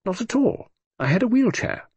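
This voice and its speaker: A man reading an audiobook, voicing an imperious, deaf old aristocratic lady with crisp, commanding upper-class speech. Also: sits high, sing-song, moderate pace, darkish tone, no echo, pitched above the performer's own voice, full character voice. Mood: tart.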